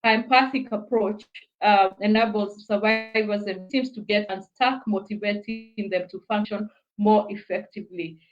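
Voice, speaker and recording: A woman's voice: medium pitch, steady tone, moderate pace, lo-fi sound. A woman hosting a live online interview, reading an introduction with many fillers and restarts. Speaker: host.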